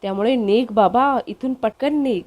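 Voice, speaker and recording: A woman's voice: on the high side, moderate pace, a little mellow, voice pushed up, lightly acted. Woman reading scheming middle-aged villainess, scolding, urgent, story recap. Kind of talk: story recap read aloud.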